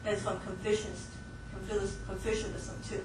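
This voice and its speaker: A woman from Hong Kong, a missions training instructor, lectures a class in a mid-range voice with little pitch movement and at normal speed. She's chatty, laughs often, and uses many fillers and restarts. The recording is distant and echoey, made from far off in a reverberant room with faint noise.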